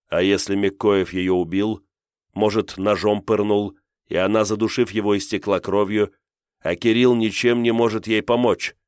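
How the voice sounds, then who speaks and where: A man reading an audiobook as narrator in steady, tense storytelling. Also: low-pitched, smooth, dry recording, clean studio sound.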